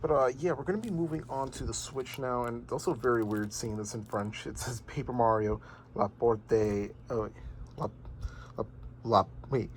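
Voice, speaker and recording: A man's voice: mid-range voice, brisk, hardly any pauses, slight background noise. A young man casually vlogging about games he collects, rambling with lots of fillers and restarts. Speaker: gaming vlogger. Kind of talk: casual unboxing and game progress vlog. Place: bedroom at home.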